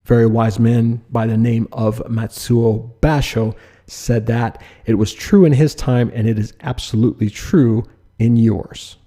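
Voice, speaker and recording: A design instructor lectures directly, posing rhetorical questions and using mild sarcasm. His voice is medium-pitched, mellow, and unhurried, with fairly even intonation.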